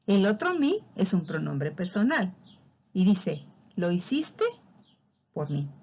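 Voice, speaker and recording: A woman's voice: on the low side, sing-song, takes it slowly, a little mellow, husky, muffled recording. A woman teaching a spelling lesson, patiently walking through examples and drawing out key words. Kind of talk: spelling lesson explained over slides.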